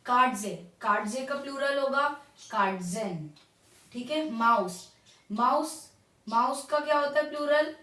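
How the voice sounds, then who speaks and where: A woman with a somewhat high voice explains German animal words, repeating each one patiently and tagging phrases with friendly check-ins. She sounds set back from the microphone in a roomy, echoing space. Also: sharp tone, distant mic. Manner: repeats words slowly, checks in with "ठीक है" and "guys". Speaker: German teacher. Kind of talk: casual classroom explanation. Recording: roomy echo, voice off-mic.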